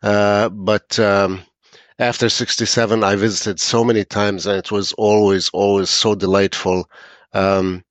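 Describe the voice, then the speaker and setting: A man's voice: fairly low pitch, flat delivery, a little slow, no echo. A man in his seventies from Palestine, speaking as a podcast guest in a hesitant, reflective way with many fillers. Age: 70s. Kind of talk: conversational interview.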